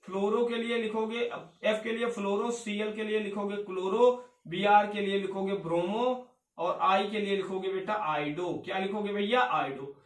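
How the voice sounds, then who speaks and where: A man's voice: high-pitched, fairly even intonation, moderate pace. A male chemistry teacher lecturing a class, firing questions at his students and answering them himself, calling them beta and bhaiya. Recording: echoey room, voice from far off.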